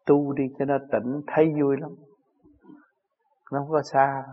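Chuckling Southern Vietnamese teacher, lo-fi. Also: male voice, medium pitch, little pitch movement, measured pace. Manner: chuckling, plain-spoken storytelling. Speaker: spiritual teacher. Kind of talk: answering disciples' questions.

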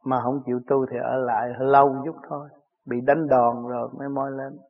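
A man's voice: medium pitch, little pitch movement, normal speed, narrow, tinny audio. A man with a Southern Vietnamese accent, a spiritual teacher answering his disciples' questions in plain, chuckling stories. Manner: chuckling, plain-spoken storytelling.

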